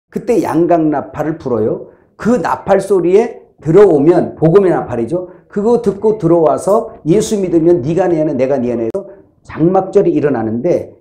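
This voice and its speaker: A middle-aged man preaches, his voice somewhat high yet mellow and warm in tone. He tells stories with lively energy, acting out other people's lines and breaking into laughter as he goes. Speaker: pastor. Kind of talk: sermon.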